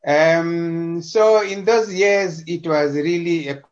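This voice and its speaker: A man from Zimbabwe, a guest on a video call, talks casually and hesitantly, repeating himself and using lots of fillers. His voice is fairly high and darkish, and he speaks slowly. The video-call audio sounds slightly dull.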